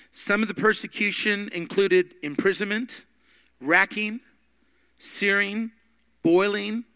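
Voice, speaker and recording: A man teaching a Bible study podcast, emphatic, with big swings in loudness. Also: high voice, no room sound.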